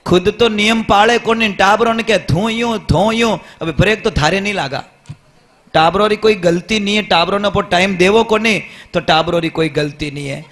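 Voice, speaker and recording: High-voiced preacher. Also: male voice, normal speed, a bit bright. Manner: earnest, addresses listeners directly. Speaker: religious speaker. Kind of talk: storytelling religious discourse. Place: live gathering.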